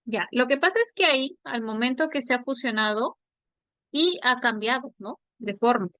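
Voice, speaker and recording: A woman's voice: high voice, animated, normal speed, bright, forceful tone, dry recording. Woman teaching grammar. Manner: explanatory, checks understanding with tag questions. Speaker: language teacher. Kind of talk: online class lecture.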